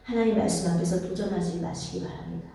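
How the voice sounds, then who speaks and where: A woman's voice: fairly low pitch, fast talker, dark tone, distant mic, a little hiss or hum. A woman pastor preaching a sermon, repeating phrases, asking rhetorical questions and calling for amens from the congregation. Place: church sanctuary. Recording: very echoey church hall, voice from off-mic.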